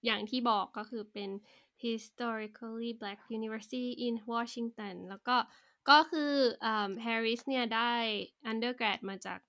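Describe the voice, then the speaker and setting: Brief: higher-voiced woman running a quiz, bright, unhurried reads, laughs a lot. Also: flat delivery, dry recording, clean studio sound. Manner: playful, laughs often, reads questions slowly and carefully. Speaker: quiz host. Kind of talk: casual quiz chat.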